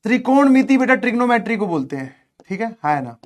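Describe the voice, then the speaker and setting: A man's voice: very high voice, very animated, fast talker. A man teaching math in a lecture, playful, acting out both sides of a dialogue with his students.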